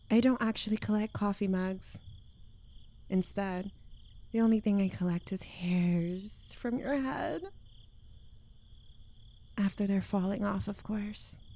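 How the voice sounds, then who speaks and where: A woman plays a smug, clingy young witch in an intimate ASMR roleplay, teasing, possessive and slightly unhinged. She drawls slowly in a soft, mellow, mid-range voice that has a creaky edge.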